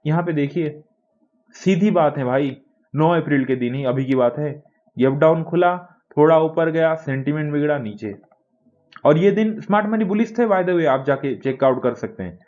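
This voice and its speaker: A man's voice: on the high side, normal speed, darkish tone, lo-fi sound. A man giving a casual talk that analyses the stock market, chatty and repeatedly addressing his viewers as friends.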